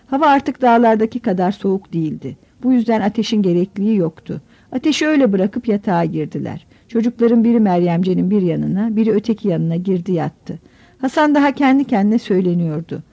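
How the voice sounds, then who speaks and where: A woman narrating a novel in measured storytelling, giving the characters voices. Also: medium pitch, animated, vocal fry, warm tone. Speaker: audiobook narrator. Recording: dull lo-fi audiobook recording.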